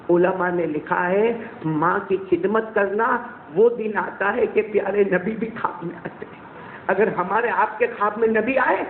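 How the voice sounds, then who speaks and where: High-pitched preacher in an echoey hall. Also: male voice, slight background noise. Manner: animated storytelling, acting out voices and calling on the crowd to answer. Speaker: Islamic preacher. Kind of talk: sermon to a congregation. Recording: echoey hall over a tinny phone-like line.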